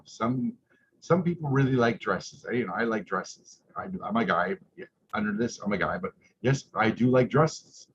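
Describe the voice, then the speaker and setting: In muffled lo-fi audio with clear background noise, a male drag queen with a mid-range voice reads a story-time book aloud. He chants refrains, sometimes stumbles over words, and chats casually between passages, tacking "eh" onto remarks.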